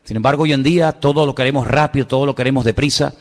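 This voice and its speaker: Spanish pastor preaching in a reverberant hall. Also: male voice, medium pitch, racing. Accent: Spain Spanish. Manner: conversational preaching with rhetorical questions to the congregation. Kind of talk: sermon.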